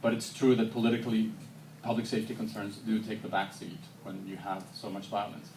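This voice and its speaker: Speaking a little quickly in a low, darkish voice with a level tone, this man answers questions from the crowd after a university screening, pausing on ums and restarting often but staying thoughtful. The sound comes from a handheld camera far back in a reverberant, noisy auditorium.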